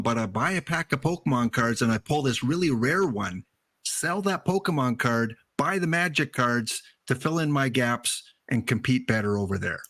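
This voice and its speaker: A man's voice: mid-range voice, fairly bright tone, no room sound. A man with a Canadian accent, chatting casually as the host of a show about a baseball card game.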